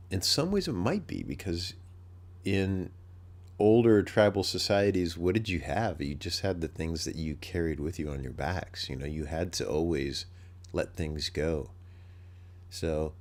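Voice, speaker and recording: A man with a nasal voice hosting a podcast, rambling thoughtfully and thinking aloud in a casual solo talk. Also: low-pitched. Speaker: podcast host.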